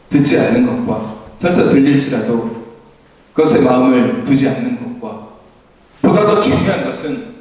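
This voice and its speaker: A man's voice: fairly high pitch, darkish tone. A man preaching a Sunday morning sermon as pastor, earnest and exhorting, recorded from a distance in an echoey church hall. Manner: earnest, exhorting, with light laughs. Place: church sanctuary.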